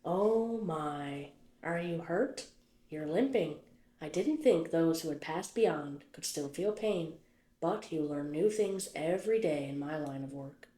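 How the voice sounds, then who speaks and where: A woman's voice: sits low, measured pace. A woman voicing the patient, mildly dry caretaker of a ghost town in a puppet stage play. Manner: mild, patient, gently dry hosting. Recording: roomy echo.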